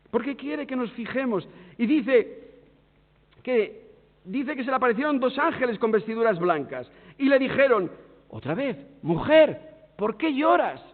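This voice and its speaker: A man with an accent from Spain preaches a sermon, his voice high and full of rises and falls. He pushes some words hard and drops others to a near hush. The sound is thin like a phone line, with long reverb from a large hall. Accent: Spain Spanish. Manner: expressive, swings between loud emphasis and hushed tones.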